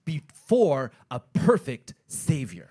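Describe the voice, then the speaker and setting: Pastor, male, slow measured sermon delivery, lively pitch, phrase by phrase for an interpreter. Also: slightly rough. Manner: pauses in short phrases for the interpreter, prays softly.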